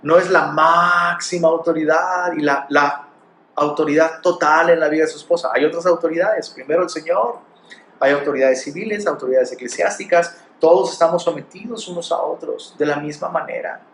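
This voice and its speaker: A man's voice: on the high side, normal speed, fairly bright tone, echoey room, a little hiss or hum. A man with a Mexican Spanish accent preaching a sermon, pressing his points with rhetorical questions and acted quotes. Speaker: pastor.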